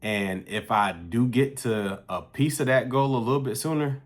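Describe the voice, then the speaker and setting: A man's voice: medium pitch, normal speed. A man in his late thirties talking casually to camera in a fitness vlog, loose and slangy with plenty of swearing. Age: 30s. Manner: loose, profane, slangy and conversational. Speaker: fitness vlogger.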